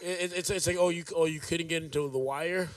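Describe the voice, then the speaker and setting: A man's voice: fairly high pitch, steady tone, fast, far from the mic. A young man from Jamaica co-hosting a podcast, musing in a rambling way with many fillers in casual chat. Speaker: podcast co-host.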